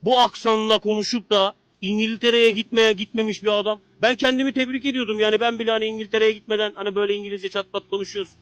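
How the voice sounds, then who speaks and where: A man with a Turkish accent chatting casually and informally, with an animated, amazed manner. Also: high-pitched, fast, few pauses, no echo, poor audio. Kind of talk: casual chat.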